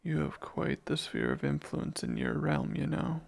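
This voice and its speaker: Man playing a very gravelly, devoted demon. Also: a little high, wildly swooping pitch, darkish tone, heavily acted. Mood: proud, devoted. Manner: slow, formal, deliberate phrasing. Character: devoted, jealous, menacing male demon bound to a master. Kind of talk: ASMR romance roleplay.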